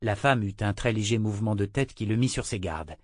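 A man narrating an audiobook in a measured, even storytelling manner on a close studio mic. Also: on the low side, no echo.

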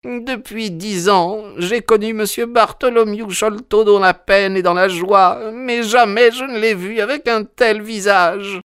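A man voicing an old, anxious female housekeeper in a high, shaky falsetto for an audiobook. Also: fairly even intonation, measured pace, few pauses, a bit bright, clear, resonant tone, no echo, clean studio sound. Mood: worried. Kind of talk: audiobook character voice.

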